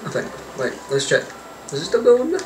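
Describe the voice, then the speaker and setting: A man's voice: fairly high pitch, huge pitch swings, brisk, darkish tone. A young man chatting while playing a game, hesitant with many ums and casual swearing. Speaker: gaming co-player. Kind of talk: casual gameplay chat. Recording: echoey, far from mic, noisy.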